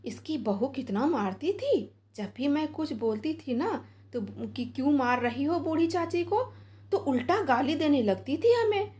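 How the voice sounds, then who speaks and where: A gossiping neighbor woman clucking over the old lady's plight, voiced by a woman narrator. Her talk is chatty and sympathetic, pitched high. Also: expressive, unhurried, a little mellow. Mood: gossipy.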